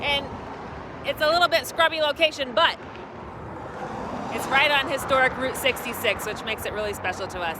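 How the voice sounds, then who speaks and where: With a noisy background, a middle-aged RV travel vlogger talks to camera outdoors at an RV park in a high voice at normal speed, leaving long pauses. She comes across as chatty and upbeat, laughing easily and a little out of breath.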